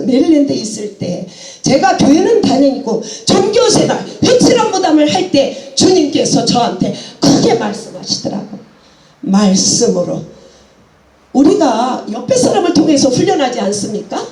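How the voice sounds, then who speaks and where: A woman's voice: high-pitched, big pitch swings, moderate pace, reverberant, a crowd in the background. A woman preaching a sermon with passion, laughing and exclaiming as she goes, mixing English phrases into her talk.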